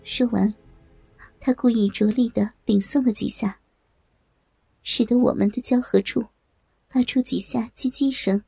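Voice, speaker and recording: A woman narrating a first-person audio story, her voice breathy, trembling and pleading. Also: a little high, fairly even intonation, unhurried, long pauses, warm tone, no room sound, soft background music.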